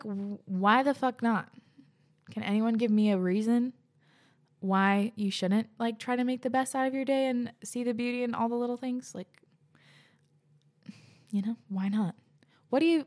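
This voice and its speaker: A young woman hosts a podcast, chatting casually and gushing over what listeners sent in. Her voice is fairly high, bubbly, a little breathless, and full of "like."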